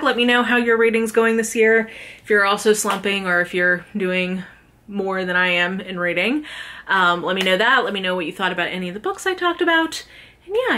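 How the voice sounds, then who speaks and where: Her voice is on the low side, pushed and bright, as this book vlogger talks informally to viewers. She reviews books in a casual, slang-filled style, saying "like" a lot.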